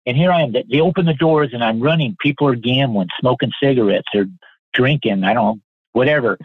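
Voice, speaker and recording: Older man in his sixties, husky voice, tinny phone-like sound, dry, earnest storyteller, stumbles and restarts. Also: mid-range voice, a little fast, no echo. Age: 60s. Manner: earnest, polite, repeats words as he restarts sentences. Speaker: podcast guest. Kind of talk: casual anecdotal storytelling.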